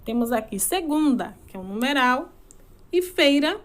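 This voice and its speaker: A woman, teaching a recorded grammar lesson and stretching out each example word slowly. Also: high-pitched, animated. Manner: slow, deliberate, stretching out example words.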